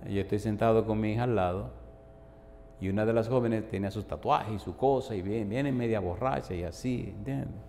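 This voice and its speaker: A man's voice: on the low side, a little fast, darkish tone. A male pastor preaching a sermon, telling a story and rising to fervent appeals. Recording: echoey hall with faint noise.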